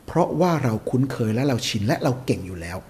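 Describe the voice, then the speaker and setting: His medium-pitched voice swings widely in pitch at a quick pace, a little mellow with a breathy edge. Talking as a podcast guest, he gives emphatic, preachy motivational advice and hammers home his key points by repeating them.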